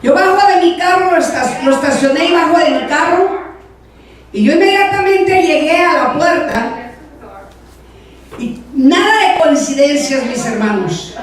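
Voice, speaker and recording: A woman pastor giving an animated sermon testimony to her congregation. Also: high-pitched, unhurried, a crowd in the background. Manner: animated storytelling, addresses congregation as brothers. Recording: echoey hall, voice from far off.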